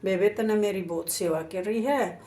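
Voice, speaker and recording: A woman's voice: mid-range voice, moderate pace, mellow, reverberant, close to an everyday voice. Woman voicing a kindly old sacred cow.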